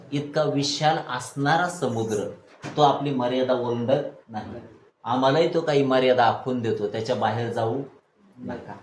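A male pastor preaching a sermon. He asks the congregation questions, answers them himself, and builds to loud exhortation. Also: mid-range voice, slight background noise. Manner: call-and-response preaching, rising to loud exhortation. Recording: echoey room, faint ambience.

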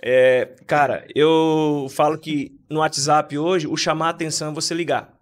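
A man on a podcast with a fairly high voice, making his points emphatically in casual chat. He is opinionated and keeps slipping into little acted-out bits of dialogue to show what he means. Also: flat delivery, normal speed. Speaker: podcast co-host.

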